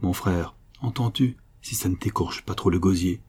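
A man's voice: low-pitched, moderate pace, a little mellow, breathy edge. A man voicing a loyal, strong servant who speaks curtly and bluntly. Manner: curt, blunt.

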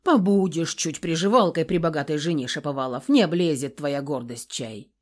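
A woman voicing a gruff, hot-tempered middle-aged father who grumbles and bursts into roaring shouts, in an audiobook. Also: low voice, moderate pace. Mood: gloomy.

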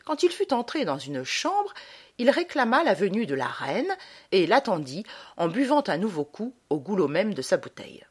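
A woman narrating a short story as an audiobook reader, with an expressive, dramatic reading. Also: mid-range voice, moderate pace, husky.

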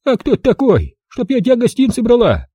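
A man voicing a feisty, sharp-tongued old village woman in an audiobook, scolding in a brusque rustic way. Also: high-pitched, sing-song, a little fast, husky, no echo, clean studio sound, voice pushed up, heavily acted. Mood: bossy. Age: older.

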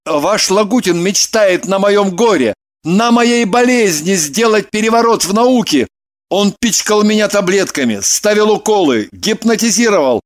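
A man's voice: sits high, lively intonation, normal speed. A man voicing a troubled young male killer who bitterly confesses, in an audiobook reading.

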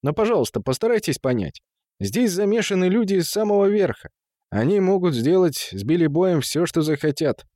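A man's voice: high voice, sing-song, brisk, dark tone, dry recording, clean studio sound, pitched above the performer's own voice. A man voicing a stern, commanding man who runs a brothel and speaks with firm patience. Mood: patient. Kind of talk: audiobook character voice.

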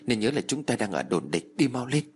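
A man's voice: mid-range voice, big pitch swings, a little fast, slight background noise, lightly acted. Stern female spirit medium, voiced by a male storyteller, firm and urgent. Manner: firm and commanding.

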